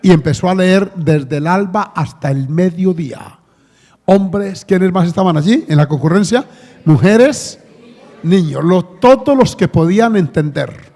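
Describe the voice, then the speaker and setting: High-voiced Colombian pastor preaching in a hall. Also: male voice, animated, unhurried, dark tone. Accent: Colombian Spanish. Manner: conversational preaching with asides and questions to the congregation. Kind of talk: sermon. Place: church hall. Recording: long church hall reverb.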